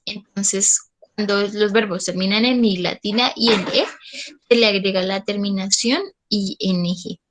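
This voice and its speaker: A woman's voice: medium pitch, fairly even intonation, a little slow, noisy background. A woman teacher, patiently explaining English grammar in an online class and often checking that students follow.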